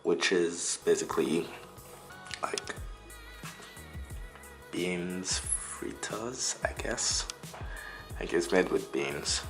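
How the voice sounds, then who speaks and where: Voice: sits low, drawn-out words, long pauses. A young adult vlogger chatting casually and informally, with a congested, nasal voice from a bad cold, as if holding their nose. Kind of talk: casual solo vlog chat. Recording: roomy echo with music behind.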